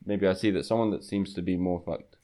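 A man's voice: low voice, steady tone, a little fast, mellow. Young London man, roadman slang, casual debater. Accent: London, urban street slang. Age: young adult. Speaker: podcast co-host. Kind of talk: casual debate among friends.

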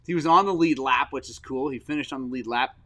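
A middle-aged podcast host with a medium-pitched voice talks fast in casual chat. He's an excitable storyteller, swinging from loud enthusiasm to soft, choked-up moments.

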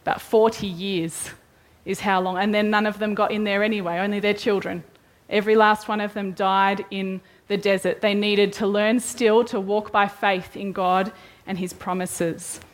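A woman preaching a sermon, retelling scripture as a lively story and acting out the quoted voices. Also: mid-range voice, moderate pace.

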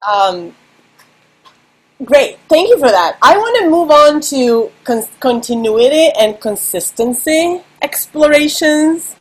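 A woman's voice: sits high, very animated, takes it slowly, poor audio. A woman from Serbia interviewing a guest, chatty and often searching for her words. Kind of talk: conversational interview.

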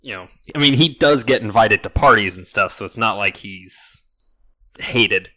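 Man, game master, laid-back narration, bright tone, dry recording. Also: lowish voice, moderate pace, dry recording.

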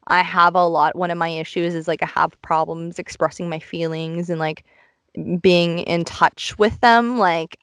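A woman with a slightly low voice hosts a casual podcast from inside a cluttered closet. The sound is dry and close, with no room echo. She rambles openly and introspectively, confiding as she goes. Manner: candid, introspective, rambling oversharer. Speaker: podcast host. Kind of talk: casual confessional podcast chat.

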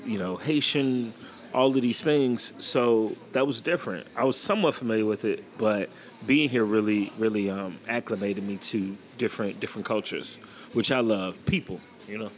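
A young man from Chicago hosting a casual chat, relaxed and opinionated, with lots of "like" and "you know.". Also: lowish voice, normal speed. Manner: relaxed, opinionated, says "like" a lot. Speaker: host.

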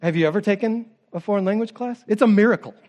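A man's voice: sits high, quick pace, darkish tone. A male pastor preaching a sermon, retelling the story in a casual, conversational way with offhand asides.

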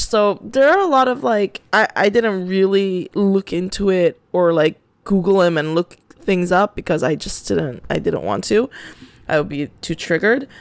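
A woman's voice: mid-range voice, no room sound. A young woman hosting a podcast, ranting in a casual, exasperated way, swearing and restarting her sentences. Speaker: podcast host.

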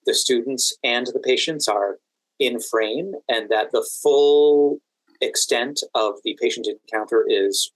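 Over poor audio with no room sound, a medium-pitched man from Washington, D.C., an educator and exam event manager, talks about his work as an interview guest on a podcast, conversationally, articulately, and methodically.

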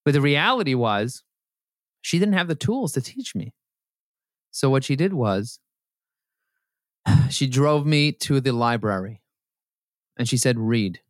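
A man speaking as a podcast guest, talking in an emphatic, motivational way that builds into animated preaching. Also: medium pitch, no room sound, clean studio sound. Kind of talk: podcast interview. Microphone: podcast microphone.

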